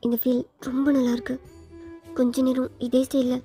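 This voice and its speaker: A soft-spoken young man murmurs close and coaxing, as a woman reader voices him in whispered role-play. The voice is hushed and mellow in tone. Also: high voice, completely flat delivery, moderate pace, soft background music, close to an everyday voice. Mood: intimate. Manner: hushed and intimate. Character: tender young man, softly coaxing lover.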